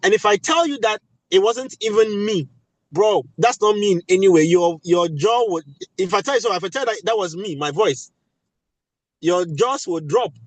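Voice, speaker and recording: Speaking at a lively webinar panel, the West African man sits high in pitch, with lively intonation and normal speed, and he stresses points by repeating key phrases. He works as a voice actor and audio producer, and the dry recording is of low quality.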